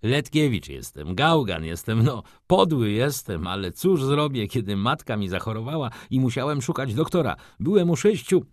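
A man's voice: medium pitch, big pitch swings, moderate pace, no echo, clean studio sound, pitched above the performer's own voice, natural voice. A man voicing a young foppish shop clerk who talks effusively and fawns over customers. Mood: excitable. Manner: effusive, obsequious salesman patter. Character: young foppish male shop clerk, fawning, fast-talking.

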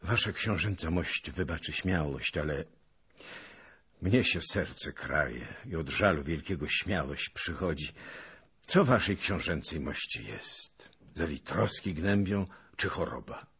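A man voicing a loyal, earnest young knight who speaks respectfully, in a husky voice. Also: sits low, animated, slow, fairly bright tone, heavily acted. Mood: pleading.

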